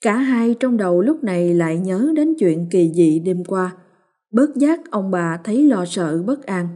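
A woman narrating a ghost story in a steady, even storytelling manner. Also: medium pitch, measured pace. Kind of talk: scripted horror story narration.

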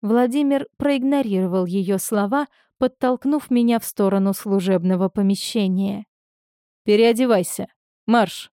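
A woman narrating a first-person story in an even, measured storytelling manner. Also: medium pitch, smooth, no room sound, clean studio sound.

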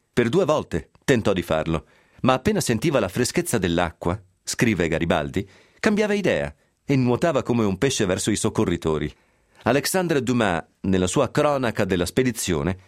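Wry Italian radio storyteller, lively pitch. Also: male voice, no echo, clean studio sound. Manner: wry, ironic storytelling with sly asides. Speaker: radio commentator reading a historical essay. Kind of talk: scripted radio reading. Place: radio studio.

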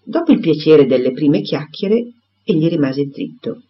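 A man narrating a classic novel as an audiobook, with expressive storytelling. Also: a little high, measured pace. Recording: dull lo-fi recording.

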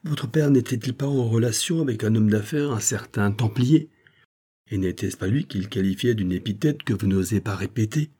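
A man with a fairly low, warm voice and a breathy edge speaks at a moderate pace. He plays a measured, authoritative older magistrate who questions a witness and sets out his theory of the case. The mood is formal and grave.

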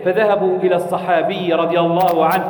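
A high-voiced man delivers a fervent sermon, hammering phrases through repetition and now and then drifting into a chant. His voice rings through a large hall with a long, echoing reverb. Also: little pitch movement, quick pace, a crowd in the background. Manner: impassioned, rhetorical repetition, sometimes chanting. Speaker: preacher.

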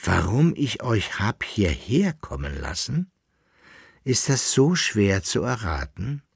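A man reading aloud, voicing a haughty, teasing masked noblewoman in a playful, sharp tone. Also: on the low side, very animated, takes it slowly, creaky, husky, dry recording, studio quality, exaggerated voice.

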